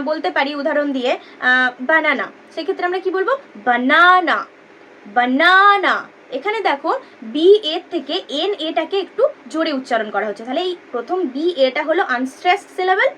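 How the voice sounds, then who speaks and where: A woman gives a lesson in a high, clear voice. She explains patiently, repeating and spelling out each key term. A faint hum sits under the recording. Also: a bit bright. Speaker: teacher.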